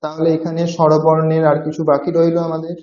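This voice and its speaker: Speaking fast with a completely flat delivery, this high-voiced man lectures a language class, patiently explaining and saying each sound over several times as a demonstration. The recording sounds roomy and dull.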